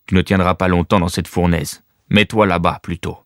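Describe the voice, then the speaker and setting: A man voicing gruff, weary slaves. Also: low-pitched, level tone, normal speed, fairly bright tone, dry recording, clean studio sound. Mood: offhand.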